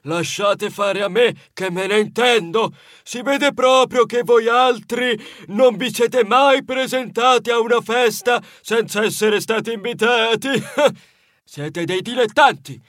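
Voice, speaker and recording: A cheeky male mouse with a squeaky-high, bright tone and an unhurried, swaggering delivery, as a male narrator puts him on. He struts through his lines in a storybook reading. The voice is dry and close, with soft music underneath. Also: no room sound, heavily acted. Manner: boastful, swaggering. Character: cheeky male mouse cousin, brash party-lover. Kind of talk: storybook character voice.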